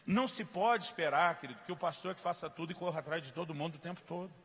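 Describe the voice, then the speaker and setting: A man from Brazil preaching a sermon as pastor, telling stories and acting out dialogue, rising to loud emphatic peaks. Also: fairly high pitch, fast. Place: church hall. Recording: reverberant church hall.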